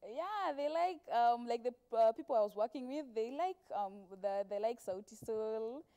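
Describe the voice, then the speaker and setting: Animated and clear, this woman's warm, resonant voice leans high and keeps a moderate pace. A Kenyan-accented actress in her twenties, she's a guest on a TV interview, seated on a studio sofa and telling stories with quoted speech; a lapel mic records her.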